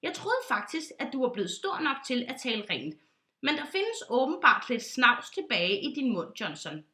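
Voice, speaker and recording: A high, pompous duck pilot from a children's storybook, put on by a woman reading aloud, scolding and fussing as the voice leaps all over the place. The sound is bright and sharp, with a roomy echo around it. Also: big pitch swings, exaggerated voice. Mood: bossy. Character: fussy bossy duck pilot, strict about words.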